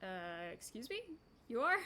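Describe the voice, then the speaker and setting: A woman's voice: mid-range voice, big pitch swings, unhurried, noisy background. A woman voicing an earnest young male rookie lawyer in a video game, hesitant and self-questioning. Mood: flustered.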